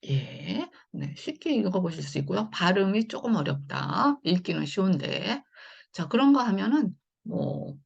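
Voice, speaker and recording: A woman teaching English phonics in an online lesson, talking slowly and patiently with many fillers. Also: mid-range voice, big pitch swings, gravelly, slightly rough, highs cut off.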